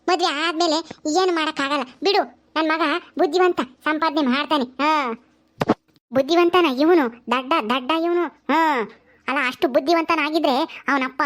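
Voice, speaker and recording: A woman's voice: high-pitched, lightly acted. A woman playing a scolding middle-aged village mother. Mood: scornful. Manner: scolding, exclaiming often.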